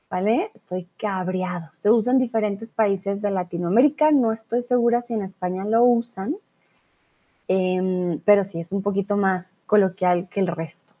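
A woman with a Colombian accent teaching a live online Spanish lesson, patiently explaining and often checking in with her students. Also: medium pitch. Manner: patient, explains slowly with frequent "¿vale?" check-ins. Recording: tinny phone-like audio.

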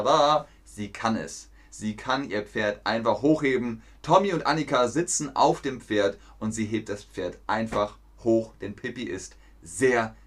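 A man teaching German on a live stream, telling a simple story clearly for learners, asking viewers questions and reading out the chat. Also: on the low side, fairly bright tone.

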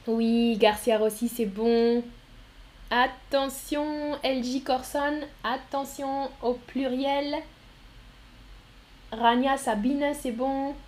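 A woman's voice: sits high, level tone, very slow, pauses often, darkish tone. A woman teaching a live online French lesson, spelling words letter by letter and praising students by name. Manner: encouraging, calls out students by name.

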